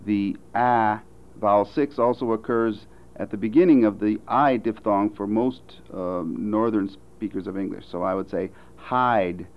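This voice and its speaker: Low-voiced American man demonstrating vowels. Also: highs cut off. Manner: slow, careful, measured delivery with deliberate example words. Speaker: phonetics instructor. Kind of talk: recorded vowel demonstration lecture.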